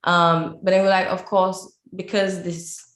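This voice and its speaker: Low-voiced woman, roomy sound. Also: little pitch movement, unhurried. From Saint Lucia. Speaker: guest, Creole language teacher. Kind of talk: conversational interview answers.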